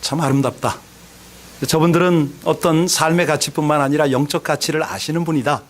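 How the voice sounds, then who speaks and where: A man's voice: a little high, steady tone, a little fast. A male pastor giving a sermon, earnestly asking the congregation questions and telling a story with rising emphasis.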